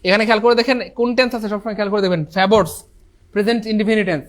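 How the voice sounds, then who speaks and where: A tired man runs an online English class, repeating each rule several times with emphasis. His voice sits high and his words come quickly. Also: fairly even intonation. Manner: repetitive, emphatic, addresses students as brothers and sisters. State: tired after a long class. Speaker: English teacher. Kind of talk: online exam-prep class.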